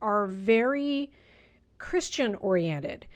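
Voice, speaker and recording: A woman hosting an interview, who comments and asks follow-ups in a measured, reflective way. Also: medium pitch, lively intonation. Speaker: interview host.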